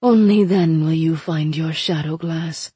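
Cryptic ancient oracle, a veiled woman, performed by a woman, deliberate and grave in her drawn-out pronouncements, with a husky low voice and a dry close sound. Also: dark tone, dry recording, exaggerated voice. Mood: solemn. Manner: slow, grave prophetic delivery.

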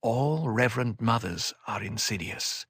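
A man voicing a calm, cutting older woman mentor in an audiobook, speaking in a measured, dry way. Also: fairly low pitch, vocal fry, husky, dry recording, full character voice. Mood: cool.

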